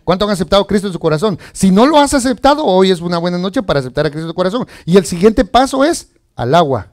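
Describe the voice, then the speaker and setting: A man's voice: high voice, animated, rapid-fire, darkish tone. A man preaching as pastor, reading scripture and asking the congregation questions in a chatty, conversational way. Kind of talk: sermon.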